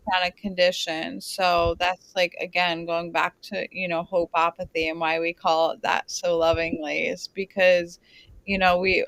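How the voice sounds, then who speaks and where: A woman's voice: on the low side, a bit bright, dry recording, rough recording. A woman guest on a video call, speaking passionately and reassuringly, with frequent fillers. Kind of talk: casual video-call interview.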